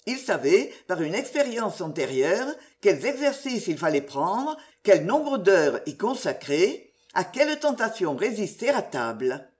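A woman narrating an audiobook in a measured, expressive storytelling manner. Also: medium pitch.

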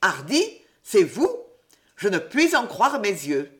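A woman voices a grave, disappointed male headmaster who reproachfully scolds a pupil. Her medium-pitched delivery is very animated at a measured pace.

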